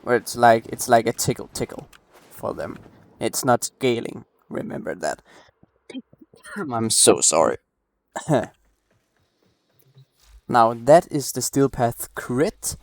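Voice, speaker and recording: A man's voice: mid-range voice, expressive, slow. A man talking casually through a game build walkthrough late at night, rambling and apologetic, with a cough, recorded close on a desk mic. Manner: apologetic, rambling, many restarts. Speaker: gameplay guide creator.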